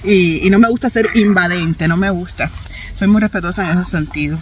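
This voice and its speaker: Sitting in the back of a car, this woman from Cuba, a vlogger in her thirties, narrates a story into her phone held at arm's length. Her Cuban Spanish voice sits on the low side and moves briskly, lively and full of laughter, over a noisy background.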